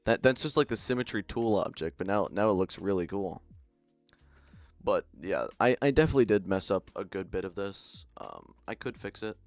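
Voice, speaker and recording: A man's voice: lowish voice, lively intonation, moderate pace, no room sound, soft background music. A young man streaming a game and chatting casually, laughing often and rambling between jokes. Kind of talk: casual chat while gaming.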